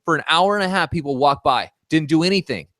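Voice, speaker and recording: A man's voice: a little high, quick pace, a bit bright, no echo, clean studio sound. A man hosting a casual podcast, telling a rambling story full of swearing and "dude". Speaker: podcast host. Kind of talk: casual chat.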